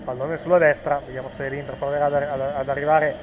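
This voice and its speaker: A man's voice: on the high side, little pitch movement, quick pace, background noise. A man giving informal live football commentary, hesitating and correcting himself as he goes.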